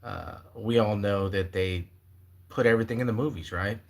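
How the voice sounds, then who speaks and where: A man hosting a casual livestream, talking in an excitable, rambling way with many fillers. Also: fairly low pitch, moderate pace, vocal fry. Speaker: livestream host. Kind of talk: casual livestream chat about prophecy.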